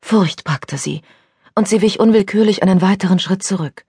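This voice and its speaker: A woman narrating an audiobook thriller in a measured, unhurried reading style. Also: mid-range voice, a little mellow, breathy edge, no room sound, clean studio sound. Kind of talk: scripted narration.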